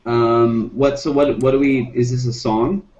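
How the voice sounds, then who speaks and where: A man's voice: medium pitch, fairly even intonation, measured pace, a little mellow. A man playing a tabletop game, hesitant and stammering as he decides what to do. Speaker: player. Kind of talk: casual tabletop play. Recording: lo-fi recording with faint noise.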